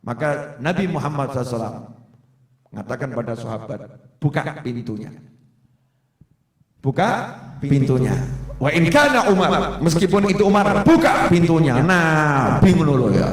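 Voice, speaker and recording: A man's voice: fairly high pitch, animated, brisk. A man preaching to a congregation in with a tinge, telling the story vividly, acting out the quoted lines and joking with the audience. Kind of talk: religious lecture storytelling. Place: large assembly hall. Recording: very echoey hall.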